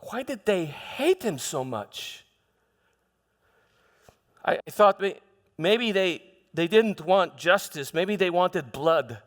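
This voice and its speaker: A preacher performs a live, dramatized first-person monologue as a proud Roman governor defending himself, his high-pitched voice halting, frustrated and troubled as he stumbles back over and repeats his own words. He swings from hushed to shouting with lively intonation and a full character voice, in a grim mood. The performance rings through a large church hall with long reverb.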